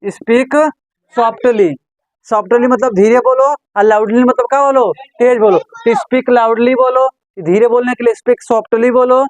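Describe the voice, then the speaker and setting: A man's voice: very high-pitched, fairly even intonation, measured pace, no echo, poor audio. A man teaching an English class in a classroom, drilling phrases over and over and putting questions to his students. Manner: repetitive call-and-response drilling, asks the class questions. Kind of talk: classroom lesson.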